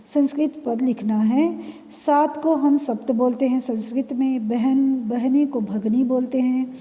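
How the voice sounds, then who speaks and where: A woman's voice: sits high, fairly even intonation, measured pace, warm tone. A woman teaching a lesson, explaining exercise answers patiently and step by step, often repeating key words. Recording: long reverb, room echo.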